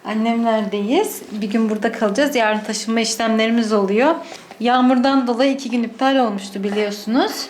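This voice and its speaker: A woman vlogging casually at home, speaking softly and gently while her child sleeps nearby. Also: fairly high pitch, fairly even intonation, a little fast, slight background noise. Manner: soft and hushed beside a sleeping child. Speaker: vlogger, mother. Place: indoors at home. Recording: echoey room, faint ambience.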